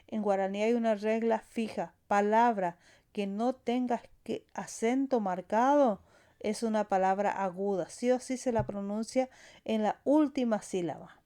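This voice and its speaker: A woman's voice: medium pitch, a little slow, mellow, smooth. A woman teaching a language lesson, saying sounds and words one at a time and stressing the final syllables. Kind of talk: slow explanatory lesson.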